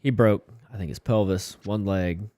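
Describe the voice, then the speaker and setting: This is a man who works as a firefighter, co-hosting a casual podcast and trading wry, joking remarks. His voice sits low for a man. The recording is close and dry. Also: normal speed, mellow, no room sound. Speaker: firefighter co-host. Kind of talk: casual chat.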